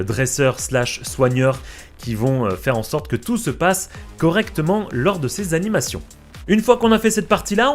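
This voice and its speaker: A young man, narrating a theme park tour vlog in a chatty way, with many fillers and asides. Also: medium pitch. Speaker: vlogger touring a theme park. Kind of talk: casual vlog voice-over.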